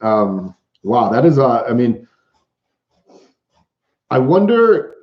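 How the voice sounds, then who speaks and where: A man hosting a casual live Q&A, reading viewer comments aloud with frequent halting restarts. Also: mid-range voice, very animated. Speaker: livestream host. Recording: roomy, dull lo-fi livestream audio.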